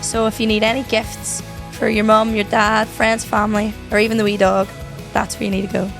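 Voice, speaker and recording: A woman's voice: mid-range voice, flat delivery, brisk, fairly bright tone, faint music behind. A woman with a Northern Irish accent, co-hosting a podcast in a casual, chatty style. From Northern Ireland. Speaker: podcast co-host. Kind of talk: casual chat.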